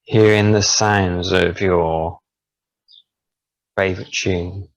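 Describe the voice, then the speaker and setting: A man leading a guided hypnosis relaxation, speaking in slow, soothing, drawn-out phrases. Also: low-pitched, steady tone, no room sound, poor audio.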